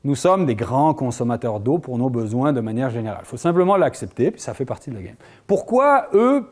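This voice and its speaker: A man from France with a French accent, giving a public lecture and quizzing his audience in a lively, joking way. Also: medium pitch, fast. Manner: lively, jokey, asks the audience questions. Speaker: lecturer on groundwater.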